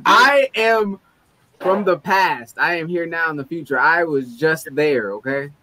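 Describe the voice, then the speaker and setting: A man's voice: a little high, measured pace, bright, forceful tone, a little hiss or hum. A man co-hosting a fish-keeping video call, joking and teasing in casual chat. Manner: jokey, teasing. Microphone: webcam on a video call.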